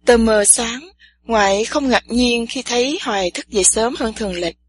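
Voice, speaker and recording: A woman narrating a story gently and evenly. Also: on the high side, normal speed, breathy edge.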